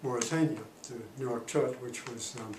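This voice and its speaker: A retired diplomat, an older man, speaks haltingly in an oral history interview, with lots of pauses and fillers. His pitch is medium. The recording comes from a distant mic in a roomy space with faint noise.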